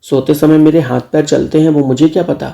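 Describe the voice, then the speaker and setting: A man's voice: on the high side, fairly even intonation, brisk, vocal fry, dark tone. Man doing a cheeky young nephew. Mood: defensive. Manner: cheeky, defiant.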